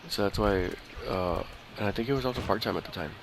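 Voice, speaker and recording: Over voice chat during a shooter match, a gamer with a fairly low voice rattles off a rambling tale to his friend at a fast clip. His speech is profane and packed with "like," fillers and false starts, while constant, distinct gunfire and clicking keep the clip very noisy.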